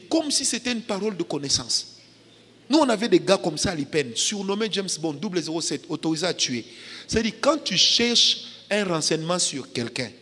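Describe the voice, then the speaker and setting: Animated high-voiced male preacher, echoey hall. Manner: animated, turns loud and laughing, sings snatches. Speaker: prophet preaching to young adults. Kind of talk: lively sermon with anecdotes.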